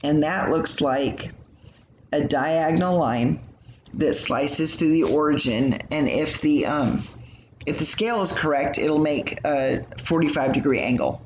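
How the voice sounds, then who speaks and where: Man, math teacher, gravelly voice, chatty explaining, echoey room, faint hum. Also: a little high. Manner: casual, chatty explaining with fillers. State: yawning, tired. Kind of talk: recorded math lesson.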